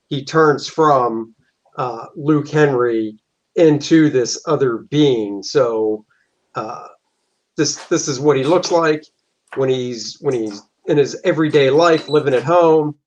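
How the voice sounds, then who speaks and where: A middle-aged man who works as a comic book artist answers interview questions in an easygoing manner, explaining at length. His voice is medium-pitched and the sound is lo-fi.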